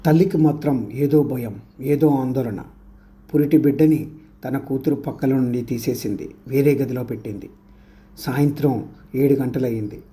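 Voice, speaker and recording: A man narrating a horror story in a slow, hushed storytelling manner. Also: mid-range voice.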